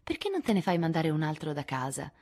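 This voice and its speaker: A woman's voice: low voice, sing-song, fast, a little mellow, exaggerated voice. A woman reading an audiobook, voicing a cheerful rich young woman who notices little. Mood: breezy. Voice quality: breezy, oblivious.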